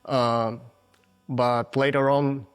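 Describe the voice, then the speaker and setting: A man's voice: mid-range voice, flat delivery, smooth. Russian-accented man in his forties. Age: 40s. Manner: frank, halting non-native English with restarts. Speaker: guest photographer. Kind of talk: casual interview answers.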